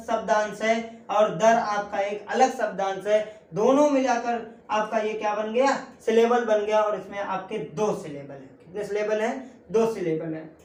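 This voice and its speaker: Woman teaching in an echoey room. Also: on the high side. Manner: quizzes the class by repeating each point as a question. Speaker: English grammar teacher. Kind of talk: online classroom lesson.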